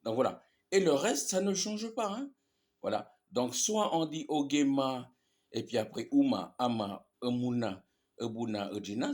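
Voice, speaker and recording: Guy teaching a language, talks slow, voice goes up and down a lot, keeps saying ok?. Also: medium pitch, darkish tone. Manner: patient, repeats examples, many fillers and checks with "ok?". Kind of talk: explaining grammar in a language lesson.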